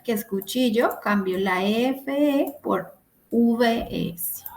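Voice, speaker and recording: A woman teacher with a fairly high voice leads an online grammar lesson. She speaks slowly and deliberately, laying out each step and checking in often with her students. The sound is a plain computer mic on a video call. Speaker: English teacher.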